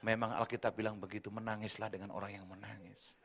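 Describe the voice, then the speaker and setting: A middle-aged man preaching a sermon as pastor, with a slight tinge, telling a humorous testimony in an animated, joking way. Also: on the low side, quick pace, slight background noise. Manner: animated storytelling, jokes, mimics his wife and daughters.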